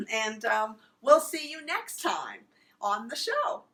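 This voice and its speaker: Lively bright-voiced woman host. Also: fairly high pitch, slow. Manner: encouraging, responds with affirmations. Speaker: talk show host. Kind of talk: faith talk show interview.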